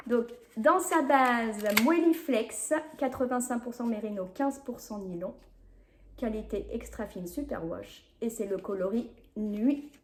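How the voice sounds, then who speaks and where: A woman hosting a knitting vlog, chatting in a hesitant, filler-heavy way as she shows her projects, sometimes rushing and apologizing for talking fast. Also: on the high side, a little mellow. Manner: chatty, hesitant with many fillers, laughs often. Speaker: knitting podcast host. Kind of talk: casual knitting vlog chat. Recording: echoey home room.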